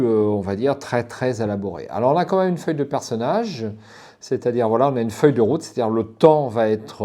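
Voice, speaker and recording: A man's voice: mid-range voice, mellow. A man from France giving a frank, casual spoken review of a gamebook, hesitating with restarts and fillers as he thinks.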